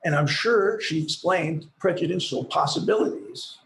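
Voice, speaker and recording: A man's voice: fairly high pitch, normal speed, fairly bright tone, a little hiss or hum. Man arguing in an echoey courtroom. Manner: persistent, argumentative. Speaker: attorney for the state. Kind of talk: appellate oral argument.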